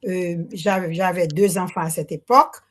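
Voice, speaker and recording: A woman's voice: on the low side, steady tone, moderate pace. Older Haitian woman, hesitant at the mic. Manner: hesitant, restarts often, mixes Creole words into French. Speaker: audience member asking a question. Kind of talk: spontaneous remarks at a public Q&A. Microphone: handheld microphone.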